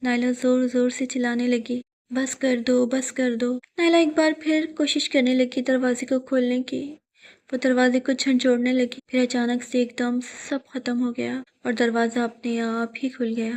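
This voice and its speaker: A woman storyteller narrating a scripted horror story in a steady storytelling manner. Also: high voice.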